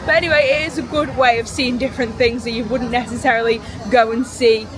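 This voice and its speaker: A woman's voice: fairly high pitch, fairly even intonation, quick pace. A woman chatting casually to a handheld camera as a travel vlogger, upbeat and rambling. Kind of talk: casual vlog chat. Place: outdoors in a city street and a small hotel bathroom. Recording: noisy outdoor street recording.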